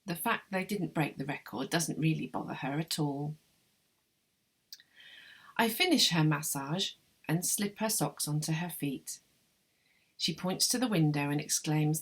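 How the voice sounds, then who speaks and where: A woman translator reading her translated novel aloud, with measured, wry first-person narration. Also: deep voice, gravelly, breathy edge. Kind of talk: literary reading of a novel excerpt.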